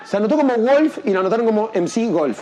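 A young man, telling a story as an interview guest and acting out the people he quotes. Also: fast. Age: young adult. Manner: animated, acts out quoted voices in a higher pitch. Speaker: guest, freestyle rapper.

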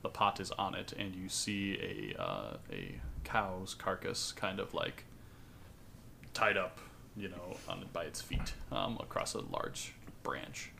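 A man's voice: low-pitched, sing-song, takes it slowly, vocal fry, pushed and bright, a little hiss or hum. A man narrating as game master, rambling with lots of ums and likes. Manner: rambling, many fillers.

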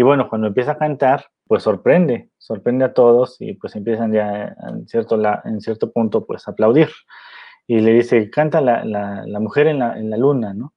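A man talking casually about films, rambling with many fillers and tag questions. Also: lowish voice. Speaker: film commentator. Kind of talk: casual film commentary. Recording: dull lo-fi recording.

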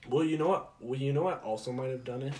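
Deadpan young man telling a story. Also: medium pitch, a little hiss or hum. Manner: deadpan, halting restarts.

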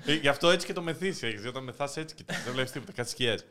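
A young man in casual podcast chat, an animated storyteller who laughs often. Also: mid-range voice. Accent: Greek. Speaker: podcast co-host.

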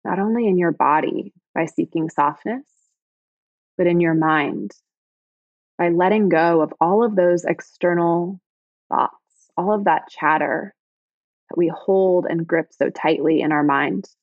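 A woman leading a guided body-scan meditation in slow, soft, soothing phrases. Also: lowish voice, no room sound, phone-quality sound.

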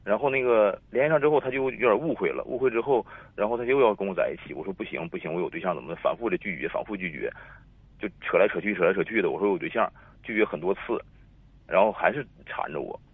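A man's voice: on the low side, animated, fast talker, breathy edge, no room sound. A man in his thirties calling in on the phone, rambling and repeating himself as he tells his story. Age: 30s. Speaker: caller. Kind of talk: phone-in call telling a personal story. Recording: tinny dry phone line.

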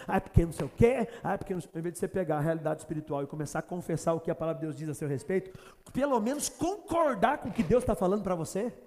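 High-voiced fervent preacher in a reverberant hall. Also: male voice. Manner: fervent preaching, rising to shouts, rhetorical questions to the congregation. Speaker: pastor. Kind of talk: sermon.

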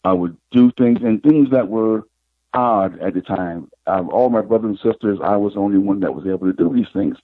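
A middle-aged man with a husky, fairly low voice, a psychic guest in an interview, recounts his life unhurriedly and reflectively, retelling scenes with quoted dialogue. The audio is thin, tinny, phone-like, and very dry.

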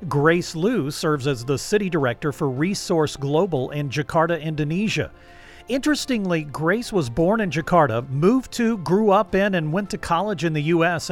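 A man hosting a faith-based radio program, reading measured introductions and asking interview questions. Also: on the high side. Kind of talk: scripted radio host narration and interview.

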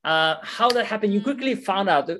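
A man's voice: high-pitched, animated, moderate pace, fairly bright tone, a little hiss or hum. A man hosting a podcast, eagerly chatting with and questioning his guest. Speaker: podcast host. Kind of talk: casual interview.

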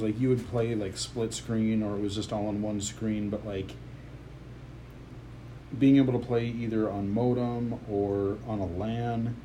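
A man's voice: fairly low pitch, mellow, a little hiss or hum, rough recording. A man co-hosting a casual podcast about video games, talking in a rambling way and often restarting his sentences. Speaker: podcast co-host. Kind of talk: casual gaming chat.

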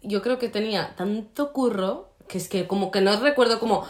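A woman's voice: medium pitch, moderate pace. A woman, chatting casually as a podcast co-host and acting out quotes as she tells stories. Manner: animated storytelling with acted-out quotes. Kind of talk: casual chat among coworkers. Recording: echoey room.

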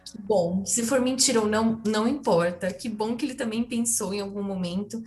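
A woman's voice: medium pitch, fairly quick, darkish tone. A woman in her twenties with a Brazilian Portuguese accent, an interview guest telling a personal story in a candid, chatty way, full of fillers and asides to the listeners.

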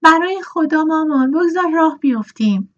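A woman voicing an impatient young daughter who complains loudly. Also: on the high side, animated, lo-fi sound.

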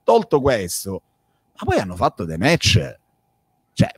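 A man with a Sicilian Italian accent chatting casually about fights in an animated, slangy storytelling manner. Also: lowish voice, a little slow, breathy edge.

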